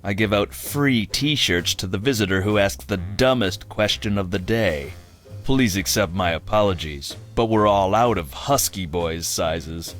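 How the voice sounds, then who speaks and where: An actor playing a surly, sarcastic bodyguard with a mobster past in a comic cartoon game, curt and threatening. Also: male voice, low voice, unhurried, a bit bright, soft background music. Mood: surly sarcasm. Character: surly, sarcastic male tough-guy bodyguard and former mobster. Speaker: presidential bodyguard character.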